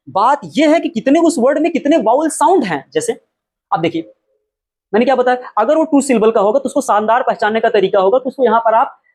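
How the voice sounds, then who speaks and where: A man's voice: extremely high pitch, slightly rough. A man teaching an English spelling lesson, who asks his own questions, answers them and repeats every point. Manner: spells out words letter by letter.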